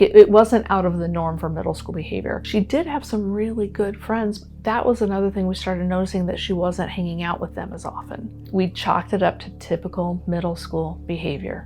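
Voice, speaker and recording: A middle-aged woman giving an earnest, reflective testimonial as a parent, sometimes halting with emotion. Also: medium pitch, darkish tone. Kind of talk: documentary interview testimonial.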